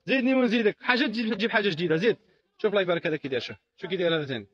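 In a dull lo-fi recording, a man with an Algerian Arabic accent works as a shop salesman, racing through a repetitive, insistent sales patter full of exclamations.

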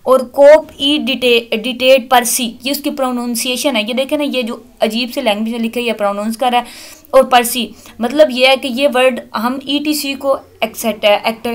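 A woman teaching English in a recorded lecture. She reads English text slowly, explains it patiently, and mixes English into her speech. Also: fairly high pitch. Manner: addresses students as children, switches often into English.

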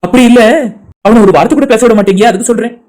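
A performer voicing a blunt, teasing young man in an animated cartoon, scolding a friend. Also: medium pitch, close to an everyday voice. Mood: exasperated. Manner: blunt, scolding, quick-talking.

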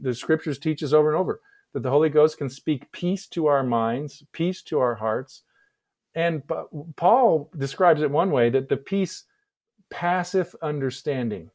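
A middle-aged man answering interview questions on a video call, speaking in a measured, thoughtful way with frequent restarts, on a headset mic in a home office. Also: a little high, a little mellow. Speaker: guest historian.

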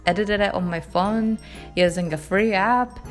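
A young woman from Japan with a Japanese accent, narrating her knitting vlog in a calm, gentle, chatty way; English is not her first language. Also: medium pitch, unhurried, soft background music. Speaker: knitting vlogger. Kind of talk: voice-over narration.

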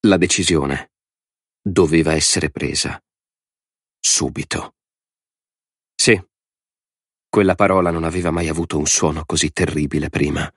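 A man narrating an audiobook in a measured, dramatic way. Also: a bass voice, steady tone, vocal fry, slightly rough, no echo, clean studio sound. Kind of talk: scripted narration.

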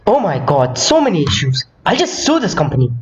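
A man's voice: fairly high pitch, wildly swooping pitch, fairly quick. A young man playing an impatient, complaining customer in a role-play. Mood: irritated. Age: young adult. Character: irate young male customer threatening to sue. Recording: very echoey hall-like room, dull, faint noise.

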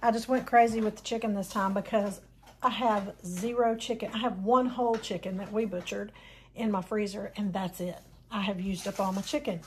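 In her home kitchen, a woman in her fifties chats casually through a grocery haul for her vlog, rambling a bit with ums and self-corrections. Her medium-pitched voice is steady and somewhat dark, at a normal pace, with slight background noise.

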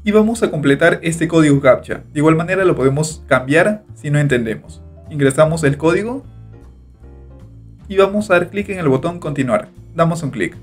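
A man narrates a screen-recorded, step-by-step tutorial as a voice-over, speaking at a normal speed in a slightly high voice with faint music underneath. As the host, he delivers steady instructions and repeats the click steps.

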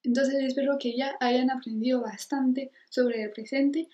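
French-born woman, native French speaker, patient language teacher, slightly high pitch, slow deliberate delivery, roomy echo. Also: steady tone, mellow, highs cut off. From France. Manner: slow, careful modeling of French conjugations. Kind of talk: language lesson.

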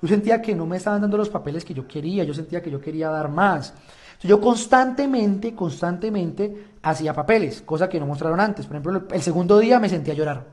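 A man's voice: sits high, quick pace, darkish tone. A young man telling his side of a story in casual talk, acting out quoted dialogue. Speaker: reality show contestant. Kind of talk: casual explanation to camera.

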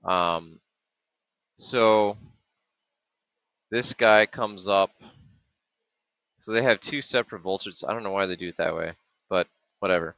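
Low, bright-toned man thinking aloud. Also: measured pace, creaky, pauses often, no room sound. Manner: thinking aloud, with many ums and trailing restarts. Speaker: maker explaining a project. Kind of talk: casual screen-share walkthrough. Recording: dull, dry lo-fi webcam audio.

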